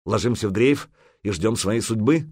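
A man voicing a grim, reluctant viking helmsman who speaks low and grudgingly. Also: animated, moderate pace, a little mellow, slightly rough, dry recording, studio quality.

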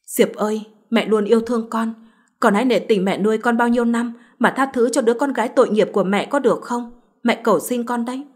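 A woman voicing a wealthy middle-aged mother who speaks coldly and reproachfully, in a husky voice. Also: a little high, a little fast, natural voice. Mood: begging. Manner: cold, reproachful.

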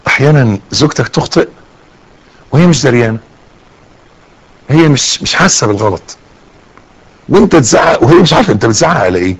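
A man's voice: medium pitch, fast talker, long pauses, slightly rough, rough recording. A middle-aged man with an Egyptian accent giving a sermon, acting out small scenes as he talks. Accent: Egyptian Arabic. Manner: lively, acts out little scenes with rising and falling voice. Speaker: preacher.

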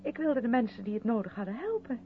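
On a narrow, hissy vintage recording of 1970s Dutch radio drama, an actress plays an earnest, defensive woman of the theatre. Her mid-pitched voice is very animated and quick as she insists on and justifies herself.

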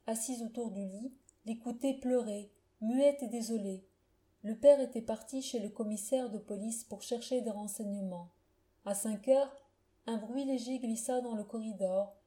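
A woman's voice: fairly high pitch, warm tone. Solemn woman reading a classic tale. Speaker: narrator. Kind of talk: literary audiobook reading.

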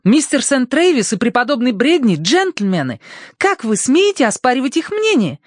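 A man's voice: sing-song, normal speed, no echo, clean studio sound, heavily acted. A man voicing a haughty, imperious young rich lady who scolds and commands her servant. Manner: shrill, commanding, indignant.

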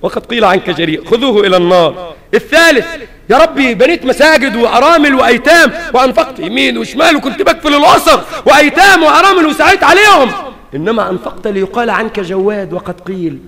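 A man preaching with an Egyptian accent, fiery and emphatic, often bursting into shouts. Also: extremely high pitch, expressive, fast, in a large hall. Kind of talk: sermon.

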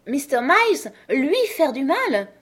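A simple, loyal old housekeeper, quick to tears and earnest in her protests, as a woman reader puts her on. She speaks plainly, her voice rising whenever she defends the children she loves. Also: medium pitch, close to an everyday voice. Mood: earnest, pleading. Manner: earnest, easily stirred protests.

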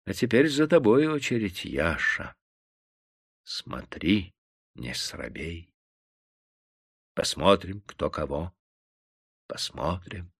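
A man voicing a calm, kindly tavern keeper who speaks softly and unhurriedly. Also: low-pitched, breathy edge, no echo, studio quality, heavily acted. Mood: approving. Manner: soft, quiet, unhurried.

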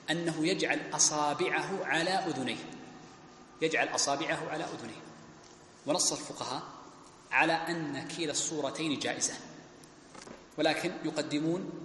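An Islamic scholar teaches a classical religious text, explaining it point by point and repeating key phrases. His voice is fairly high with a fairly bright tone, recorded in an echoey hall with faint background noise.

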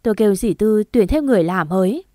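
A woman voicing a cool, calm young gentleman who reassures a servant. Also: medium pitch, fast, no echo, studio quality, close to an everyday voice.

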